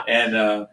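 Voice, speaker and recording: A man's voice: lowish voice, sharp tone, recorded from a distance, low-quality recording. An older man hosting a casual live chat from his home bar, rambling with many restarts and fillers. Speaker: channel host.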